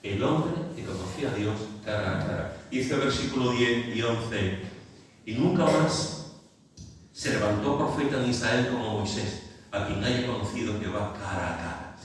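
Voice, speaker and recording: A man preaching a sermon in an Andalusian Spanish accent, animated, asking rhetorical questions and repeating phrases for emphasis. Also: fairly low pitch, moderate pace, slight background noise. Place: large church hall. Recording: echoey hall, mic at a distance.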